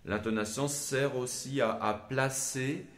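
A man teaching Gregorian chant in a measured, explanatory way, often pausing to hesitate, with short sung examples. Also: mid-range voice, fairly even intonation, fairly bright tone. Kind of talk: spoken lesson with sung examples. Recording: echoey room.

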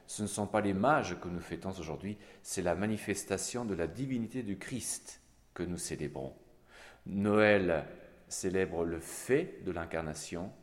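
A man teaching Gregorian chant, explaining each phrase slowly with soft fillers and singing the examples himself. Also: low-pitched, long reverb tail. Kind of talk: chant lesson with sung examples.

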